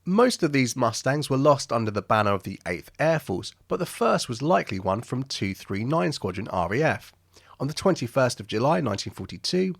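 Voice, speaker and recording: Male voice-over narrator, wry asides, husky tone, dry close mic. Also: mid-range voice, no echo. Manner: wry, jokey asides between statistics. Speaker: aviation history narrator. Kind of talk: scripted documentary narration.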